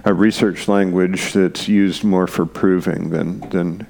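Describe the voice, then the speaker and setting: Low, gravelly man explaining code. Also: steady tone, slow pace, darkish tone. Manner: hesitant, many fillers and restarts. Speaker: guest programmer and conference speaker. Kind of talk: unscripted technical explanation.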